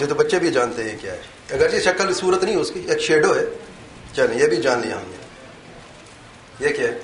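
A man giving an interactive religious talk, quizzing and teasing his audience. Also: a little high. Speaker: Islamic lecturer. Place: lecture hall with a live audience. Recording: echoey hall with faint room noise.

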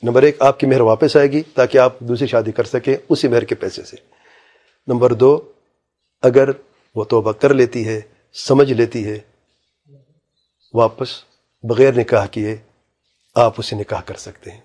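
A man's voice: medium pitch, steady tone, long pauses, warm tone. A man, an Islamic scholar, answering a question in an emphatic religious lecture, reciting Arabic verses and asking rhetorical questions.

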